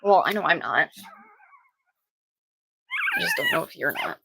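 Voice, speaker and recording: A woman's voice: mid-range voice, wildly swooping pitch, a little slow, vocal fry, heavy background noise. A woman, chatting casually on a livestream with frequent ums. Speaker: dog breeder and livestream host.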